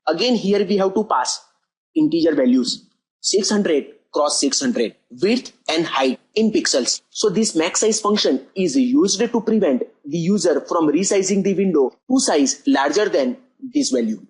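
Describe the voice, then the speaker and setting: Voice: mid-range voice, lively intonation, measured pace, darkish tone, husky, rough recording. A coding tutor talking through a screen-recorded programming lesson step by step, often repeating "as you can see over here".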